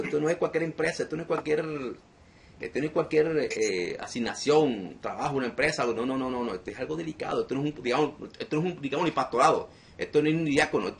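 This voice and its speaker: A man's voice: a little high, a little hiss or hum. A man preaching as a deliverance minister to an online group, emphatic and repeating phrases again and again.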